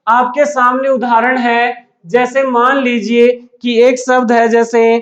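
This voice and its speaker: A man's voice: very high-pitched, little pitch movement, slow pace, fairly bright tone. A man teaching a grammar lesson to a class, asking questions and answering them himself and repeating the key words. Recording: dull, echoey room recording.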